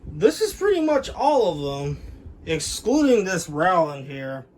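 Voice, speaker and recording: This hobbyist has a fairly high-pitched male voice and a sing-song, measured delivery with a darkish tone as he casually shows off his setup, home-video style. The audio is poor, captured indoors on a handheld camera mic, and the talk is relaxed show-and-tell narration.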